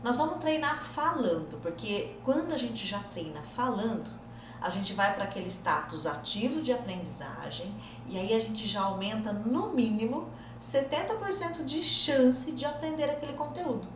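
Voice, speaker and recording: A woman's voice: fairly high pitch, lively intonation, normal speed, echoey room, distant mic, a little hiss or hum. A woman with a Brazilian Portuguese accent, teaching in a casual online lesson and talking straight to the viewer in an encouraging way. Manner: encouraging, talks straight to the viewer, acts out students' doubts. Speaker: English teacher. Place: room where she must keep her voice down.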